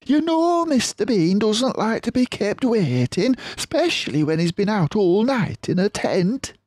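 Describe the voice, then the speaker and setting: A man's voice: high-pitched, sing-song, measured pace, a little mellow, dry recording, studio quality, voice pushed up, heavily acted. A man voicing a bossy, impatient woman calling out in a storybook reading, with a scolding manner.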